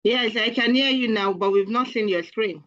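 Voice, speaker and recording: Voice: mid-range voice, normal speed, a bit bright, no room sound. A host runs an online meeting over a video call with short, practical remarks, checking the sound and the shared screen. The audio comes through dull and close, with no room sound at all. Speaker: webinar host.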